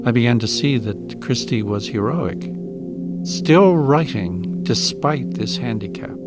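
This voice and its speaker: A man, a researcher, speaking in a measured, reflective way in an interview. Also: medium pitch, lively intonation, over loud music. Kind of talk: recorded interview narration.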